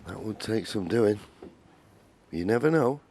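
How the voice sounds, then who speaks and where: A man giving measured, understated live snooker commentary as a match commentator. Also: fairly low pitch, lively intonation, darkish tone. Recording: crowd and arena noise behind. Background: snooker arena audience ambience.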